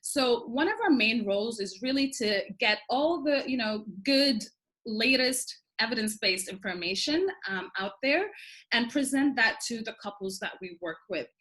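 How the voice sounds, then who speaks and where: On a low-quality recording, a medium-pitched woman talks as the doula guest on a video-call interview. In her thirties, she was born in Sudan and grew up in Dubai, and she gives long, warm explanations peppered with many ums.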